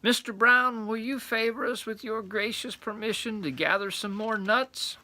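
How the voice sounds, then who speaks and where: A man's voice: high-pitched, moderate pace, sharp tone, voice pushed up. A man voicing a small, polite storybook squirrel who asks humbly and formally for permission. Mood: polite, deferential. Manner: courteous, formal pleading. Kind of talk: storybook character voice.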